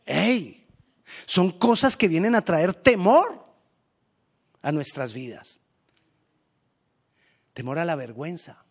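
A man preaching a sermon as pastor, animated and acting out quoted voices. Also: on the high side, slow pace, pauses often.

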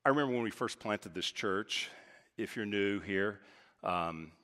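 A man from Texas preaching a sermon as pastor, talking with emphatic swings from loud, high points to quiet, low asides. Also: unhurried. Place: church sanctuary. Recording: reverberant church hall.

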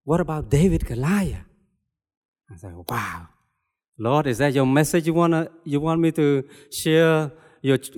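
A man's voice: medium pitch, a little mellow. Older Cambodian-accented man preaching in a reverberant hall. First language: Khmer. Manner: earnest, halting, plainspoken with repetitions. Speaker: lay preacher. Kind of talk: personal testimony sermon. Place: church hall.

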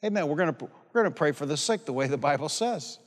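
A sixty-seven-year-old pastor preaches to a congregation in a large hall or church, his live sermon carrying long hall reverb. His voice is on the high side, expressive and quick, and his folksy, emphatic style features repeated phrases, personal stories, and calls for amen.

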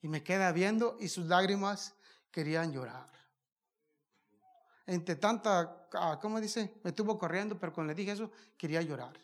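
A man's voice: high-pitched, normal speed. A man preaching a fervent sermon at a church service, asking the congregation question after question. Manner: fervent, asks the congregation many rhetorical questions.

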